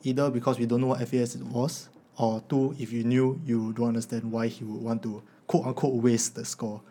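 A man's voice: medium pitch, level tone, brisk, mellow. A man in his twenties with a Singaporean accent, giving casual advice in colloquial Singlish sprinkled with particles like lah and meh. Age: 20s. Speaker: podcast speaker, university student.

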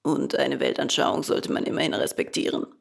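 A woman voicing a calm, resigned old male dolphin with a hoarse voice. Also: a bass voice, pitched below the performer's own voice, exaggerated voice. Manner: calm, unhurried.

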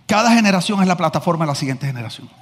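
A man preaching a sermon as pastor, telling stories in a lively, joking manner. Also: fairly high pitch, rapid-fire. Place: large church hall. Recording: echoey church hall.

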